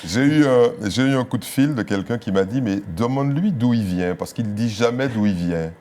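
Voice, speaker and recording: A man's voice: medium pitch, brisk, a little mellow, slight background noise. A man hosting a TV interview, asking probing and teasing questions in a studio. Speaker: talk show host.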